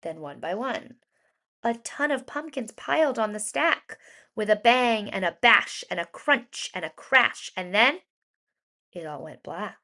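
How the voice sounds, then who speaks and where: Reading a rhyming story for children, this educator uses a medium-pitched voice and a deliberate, expressive storytelling style, stressing key words as she goes.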